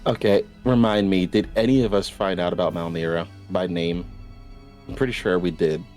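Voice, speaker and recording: A man's voice: low-pitched, steady tone, moderate pace, darkish tone, soft background music. A man playing a tabletop role-playing game, chatting casually and replying in character. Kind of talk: casual chat and in-character replies.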